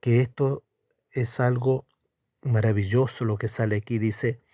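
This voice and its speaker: A man's voice: medium pitch, steady tone, measured pace, warm tone, no echo, clean studio sound. A middle-aged man preaching a Bible teaching sermon, emphatic, asking questions and answering them himself. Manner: emphatic, asks and answers his own questions; repeats tag question "¿no es cierto?".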